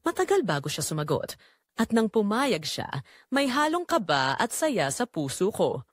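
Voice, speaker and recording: Playing a hurt middle-aged mother in audio drama narration, a woman pours out her heartbreak with sincere, measured delivery and large swings in pitch. The recording is very dry, without any room sound, and the feeling is wistful and sorrowful.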